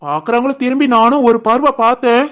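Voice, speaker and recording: Woman doing a cartoon young husband, Tirunelveli Tamil, fairly high voice, teasing banter. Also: steady tone, quick pace, close to an everyday voice. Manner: teasing banter, turns soft and worried. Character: young husband, teasing but caring, shopkeeper. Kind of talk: animated family story.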